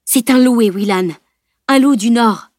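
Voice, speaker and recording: A woman reading an audiobook, voicing a stern, commanding male swordsman who gives sharp, urgent orders. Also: on the high side, normal speed, dry recording, studio quality, close to an everyday voice.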